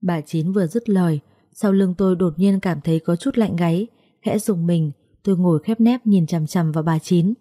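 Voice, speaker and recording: Mellow woman narrating a ghost story. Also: fairly low pitch, normal speed.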